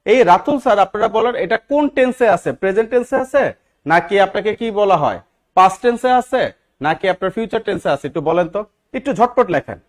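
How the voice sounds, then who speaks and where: High-voiced man teaching an online class. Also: animated, fast talker. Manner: asks the class rhetorical questions, repeats key words. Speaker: English teacher for job exams. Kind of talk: live online class lecture.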